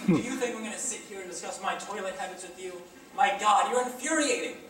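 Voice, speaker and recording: A stage performer playing a prim, easily offended gentleman who sounds indignant, fussy and flustered. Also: medium pitch, fast, close to an everyday voice. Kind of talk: high school stage play. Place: school auditorium stage. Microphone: far camera. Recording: echoey hall from far off.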